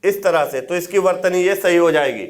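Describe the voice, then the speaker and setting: A high-pitched man teaches Hindi grammar for exam preparation, walking through it step by step. He repeats key words so students can note them down and checks in with quick questions.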